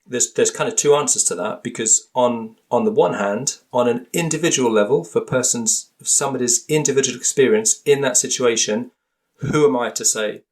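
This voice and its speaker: Interviewed as a guest linguist, a man with a medium-pitched, slightly mellow voice speaks at a normal speed. His manner is thoughtful and hesitant, full of fillers and restarted sentences as he searches for words.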